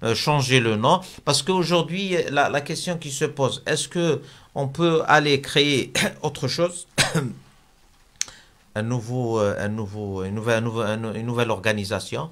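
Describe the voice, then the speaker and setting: A man's voice: mid-range voice, measured pace, a bit bright. A man from Algeria, a business leader interviewed in a debate, talking hesitantly with many fillers and restarts.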